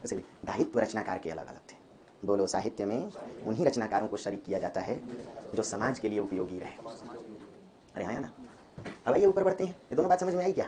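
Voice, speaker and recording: कक्षा में हिंदी साहित्य पढ़ाता एक पुरुष शिक्षक, जो बार-बार छात्रों से सवाल पूछता है।. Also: male voice, on the low side, crowd noise. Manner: lively, quizzes students with quick questions. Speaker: Hindi literature teacher. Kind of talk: classroom lecture. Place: classroom.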